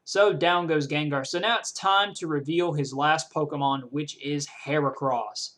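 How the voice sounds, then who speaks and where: A gaming creator walks through their own battle at a slightly slow pace, explaining each choice aloud in a chatty play-by-play. Music sits under the medium-pitched, somewhat bright voice.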